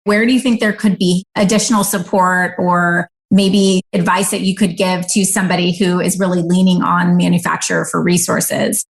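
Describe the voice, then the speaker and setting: A woman's voice: fairly low pitch, little pitch movement, moderate pace, vocal fry, hardly any pauses. A woman hosting a podcast, asking her guest thoughtful, conversational questions. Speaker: podcast host. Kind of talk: interviewer conversation.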